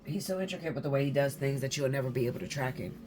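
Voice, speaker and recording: A woman's voice: a bass voice, racing, over music. A woman giving a casual tarot reading to her viewers, blunt and swearing freely, often checking in with "okay?". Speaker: tarot reader.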